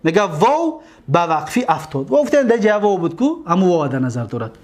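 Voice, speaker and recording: A high-pitched man with a Tajik-accented Persian voice leads a grammar class. He recites each verb form slowly, stretching the words out. He often pauses to ask whether his listeners are following. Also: sing-song, a little hiss or hum. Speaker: Arabic morphology teacher.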